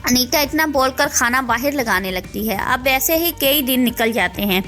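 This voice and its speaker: A woman narrating a scripted story with plain, steady storytelling. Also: high-pitched, normal speed, soft background music.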